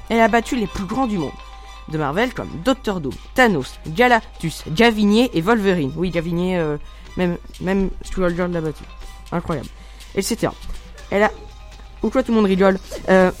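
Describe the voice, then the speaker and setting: A teenage boy presenting a superhero column on a school radio show, hesitant, with mock-serious asides. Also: high voice. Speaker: student columnist.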